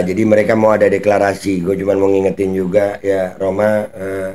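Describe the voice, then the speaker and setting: A man's voice: deep voice, darkish tone. A man giving heated commentary as a channel host, talking bluntly in mocking street slang and swearing now and then.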